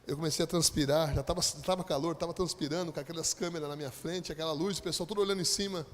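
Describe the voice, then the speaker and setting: A man from Brazil, a pastor, telling a dramatic story in a sermon, his voice rising to loud, high peaks. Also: steady tone, very fast. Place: church hall. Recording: long echo of a church hall.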